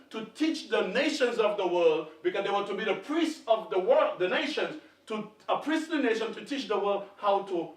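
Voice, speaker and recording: A man preaching a fervent sermon to a congregation, swinging between quiet talk and shouting. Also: high voice. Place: congregation hall. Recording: echoey hall, distant mic.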